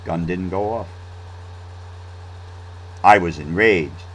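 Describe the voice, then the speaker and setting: A man's voice: sits low, slow pace, a bit bright, slight background noise, poor audio. A man telling a story in a casual, rambling monologue, with restarts and fillers. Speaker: vlog host.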